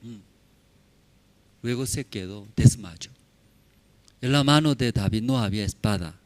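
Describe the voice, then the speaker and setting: A man's voice: lowish voice, unhurried. A man preaching a sermon in a church, telling a story with many rhetorical questions to the congregation and speaking in simple, broken phrases. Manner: non-native Spanish with simplified grammar. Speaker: pastor.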